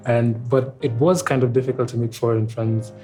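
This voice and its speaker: A man's voice: mid-range voice, fairly even intonation, moderate pace, dark tone, soft background music. A man of twenty-two chatting as a guest, easygoing and laughing as he talks. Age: 20s. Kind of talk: casual chat.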